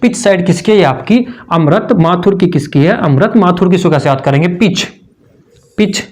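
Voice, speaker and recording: A male tutor with a high-pitched voice teaches memory tricks for exams, firing off questions and answering them himself. He repeats key words in a chummy, conversational style, with lively intonation at a normal speed.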